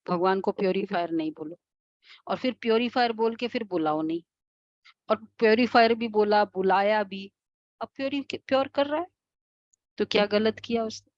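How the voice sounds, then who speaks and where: A woman's voice: mid-range voice, dry recording. Indian woman, spiritual teacher, explanatory lecture voice with questions and hums, dry dull recording. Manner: explanatory, asks the class questions with soft hums. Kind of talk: devotional class lecture.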